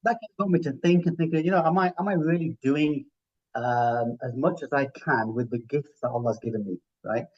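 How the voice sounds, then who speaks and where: A man's voice: mid-range voice, moderate pace, darkish tone, dull audio. A middle-aged man with a broad Yorkshire accent, giving reflective, conversational interview answers and often checking for agreement. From Yorkshire, England. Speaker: interview guest, healthcare finance professional.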